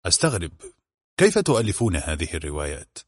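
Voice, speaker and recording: A man's voice: sits low, huge pitch swings, fast, husky, no room sound, clean studio sound, exaggerated voice. A man doing a sarcastic, blunt police officer. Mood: dry teasing. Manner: mocking, offhand.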